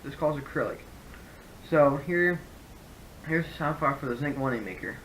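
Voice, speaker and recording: A man's voice: on the high side, expressive, moderate pace, very noisy. A man giving a casual, rambling product review, often correcting himself as he explains. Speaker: hunting gear reviewer.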